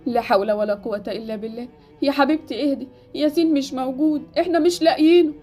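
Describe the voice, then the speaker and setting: A woman voicing a gentle mother with an Egyptian accent. The mother speaks tenderly as she comforts her daughter. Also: high voice, fast, soft background music, voice pushed down, natural voice. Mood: soothing. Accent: Egyptian Arabic. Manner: tender and soothing.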